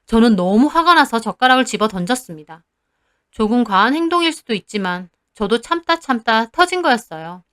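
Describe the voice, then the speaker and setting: A woman narrating a personal family story in the first person, her telling full of indignation and complaint. Her voice sits fairly high and rises and falls in a lively way.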